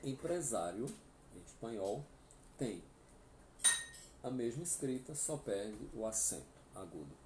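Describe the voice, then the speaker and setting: A man's voice: mid-range voice, big pitch swings, measured pace, long pauses. A man from Brazil with a Brazilian Portuguese accent, teaching a live online Spanish class and patiently explaining each word with frequent checks like "tá?" and "né?". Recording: echoey room with faint ambient noise.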